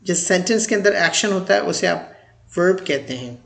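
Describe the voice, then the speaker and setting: High gravelly-voiced male teacher. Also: expressive. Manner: slow, deliberate word-by-word pronunciation drills. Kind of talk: grammar lecture.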